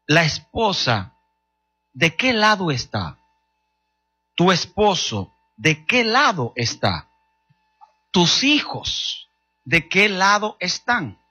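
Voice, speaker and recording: A man's voice: sits high, big pitch swings, slow pace, long pauses, sharp tone, husky, soft background music. A middle-aged man with a Dominican accent, preaching a sermon with humor and telling stories straight to the congregation. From Dominican Republic. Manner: humorous, storytelling, addressing the congregation directly. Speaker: pastor.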